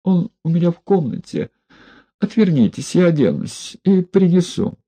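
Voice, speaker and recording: A frightened young woman, put on by a male storyteller who babbles and pleads in a raised, breathy voice. The husky undertone shows through even as the pitch climbs well above his own. The delivery is animated and restless. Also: moderate pace, exaggerated voice. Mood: nervous. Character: frightened young woman caught in a hotel bed.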